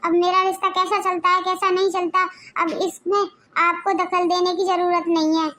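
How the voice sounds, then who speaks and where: A woman's voice: extremely high pitch, flat delivery, normal speed, bright, forceful tone. A girl voicing a curt young husband. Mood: cold. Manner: curt, dismissive. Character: scolding young husband, middle-aged man.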